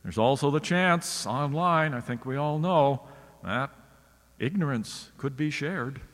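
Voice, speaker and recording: A man's voice: on the high side, unhurried, fairly bright tone, big-room sound. A man, a writer, giving a scripted radio lecture in a wry, literary storytelling manner.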